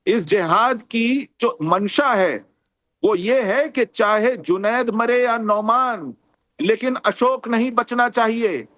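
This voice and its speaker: A man speaks as a panelist in a heated television news debate, indignant and emphatic as he stacks up rhetorical points. His voice is pitched very high for a man, and the sound is dry and close with no room to it. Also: slow pace, fairly bright tone, no room sound.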